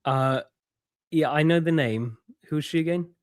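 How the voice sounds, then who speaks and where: A man's voice: fairly high pitch, measured pace. A man chatting as a podcast guest, laid-back and hesitant, often stumbling over his words. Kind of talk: casual chat.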